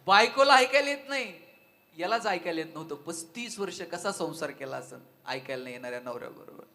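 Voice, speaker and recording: A man giving a devotional talk at a live event, telling funny anecdotes and putting questions to the audience. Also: high-pitched. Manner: lively storytelling, asks the audience questions. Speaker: devotional speaker.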